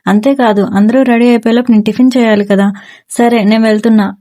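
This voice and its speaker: A woman's voice: fairly high pitch, fairly even intonation, quick pace, dark tone, lightly acted. A woman voicing a middle-aged mother who chides her husband and bustles off to her chores, in a storybook reading. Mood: chiding.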